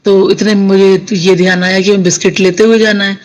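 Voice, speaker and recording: A woman shares a personal devotional experience in a relaxed, chatty telling. She talks to her listeners directly and warmly addresses them as a congregation. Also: medium pitch, fairly quick, lo-fi sound. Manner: conversational, addresses the listeners as sangat ji. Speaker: satsang storyteller sharing a devotee's experience. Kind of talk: casual devotional storytelling.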